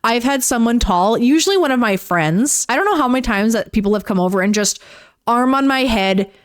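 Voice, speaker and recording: A woman's voice: a little high, lively intonation, a little fast. A young woman, giving a casual vlog commentary in a ranting, sarcastic way and swearing freely. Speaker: YouTuber.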